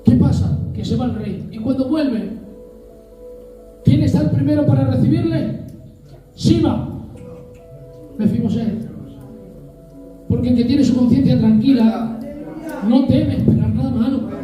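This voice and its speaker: High-voiced Spanish preacher in echoey church. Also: male voice, unhurried, long pauses, mellow, soft background music. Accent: Spain Spanish. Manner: storytelling, acts out scenes with voices. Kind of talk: sermon. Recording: echoey church hall, mic at a distance.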